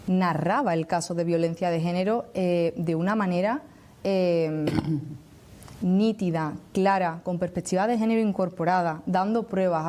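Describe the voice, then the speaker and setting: A woman with an Andalusian accent explaining things as an interview guest, measured and didactic, pausing to choose her words. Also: on the low side, dark tone. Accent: Andalusian Spanish. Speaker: interview guest, academic researcher.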